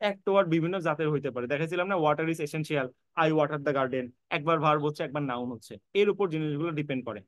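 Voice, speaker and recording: In an online lecture preparing students for admission, a man goes over English grammar, repeating points, spelling out words letter by letter, and reassuring the students he speaks to directly. His voice is fairly high, and he talks fast with hardly any pauses. There is no room sound.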